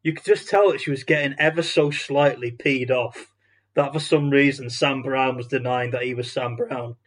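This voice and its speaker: A man's voice: medium pitch, fairly even intonation, moderate pace. A man hosting a podcast, telling a story in casual chat with many restarts and fillers. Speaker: podcast host.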